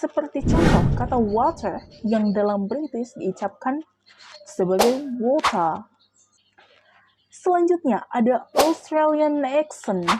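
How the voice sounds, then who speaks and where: A woman's voice: high voice, lively intonation, unhurried, music in the background, rough recording. A woman reading out a prepared class presentation, explaining step by step with brief asides to her listeners. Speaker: student presenter.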